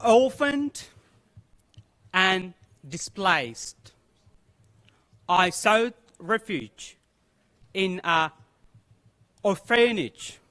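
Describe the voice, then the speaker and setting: A young man from Afghanistan, delivering a formal prepared speech as a youth delegate in a slow, deliberate, solemn way. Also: high-pitched, bright, forceful tone, smooth. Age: young adult.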